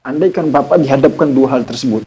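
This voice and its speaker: Fast and dark-toned, his mid-range voice comes through a low-quality recording. He is a young man and Islamic teacher on a podcast, casually telling a personal story with sincerity and reflection while often quoting his own past words.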